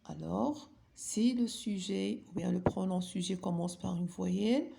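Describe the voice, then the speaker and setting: A woman's voice: mid-range voice, unhurried, gravelly, dark tone, a little hiss or hum. A woman teaching a grammar lesson, patiently asking her pupils questions and then answering them herself. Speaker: French teacher.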